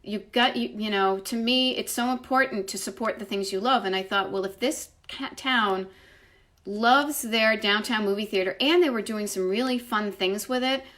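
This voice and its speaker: A retro travel writer hosting a livestream from home answers live viewer comments in casual chat. She has a slight Boston accent and rambles effusively, breaking into her own speech with emphatic asides, speaking at moderate pace with a medium pitch and fairly bright tone.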